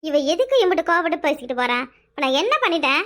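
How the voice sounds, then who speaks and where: A bossy village mother-in-law, voiced by a woman in a cartoon, nagging in a Kanyakumari Tamil accent. Her voice is very high and bright, and her scolding comes fast. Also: very animated. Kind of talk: cartoon voice acting.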